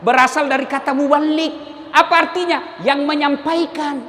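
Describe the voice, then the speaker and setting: A man preaching a lively, humorous sermon, throwing questions at the congregation and shouting. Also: extremely high pitch, normal speed. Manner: humorous, shouts questions and has the crowd answer. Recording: echoey hall with faint noise.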